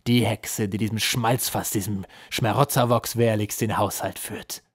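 A man's voice: fairly low pitch, fairly even intonation, measured pace, breathy edge, no echo. A man voicing a cruel goblin general who interrogates a prisoner in a harsh, threatening, relishing tone. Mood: menacing.

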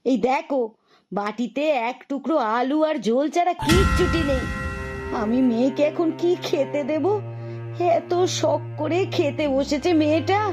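Casting: a fretful loving cartoon mother, fairly high voice, soft music under it. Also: unhurried. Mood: alarmed. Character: loving village mother, devoted to her daughter.

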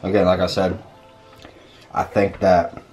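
Young male host, deep voice, easygoing food-review chat in a home kitchen, webcam sound. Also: level tone, a little slow, a little mellow, soft background music. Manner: laid-back, rambling, tasting between remarks. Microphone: camera mic, webcam framing.

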